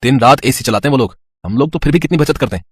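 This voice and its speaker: A man voicing a relaxed grown son in a cartoon, talking offhandedly. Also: mid-range voice, rapid-fire, slightly rough, no echo, studio quality, natural voice. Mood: offhand.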